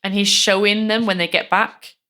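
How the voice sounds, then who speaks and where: Speaking at normal speed, a woman with a mid-range, pushed, bright voice and fairly even intonation recounts a true-crime case as podcast co-host. She's chatty and filler-heavy, acting out what people said.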